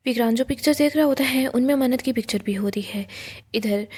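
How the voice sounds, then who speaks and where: Recapping a TV serial scene by scene, a woman narrates casually and steadily, voicing the characters' quotes as herself. Her voice is on the high side with a breathy edge, and she talks fairly quickly.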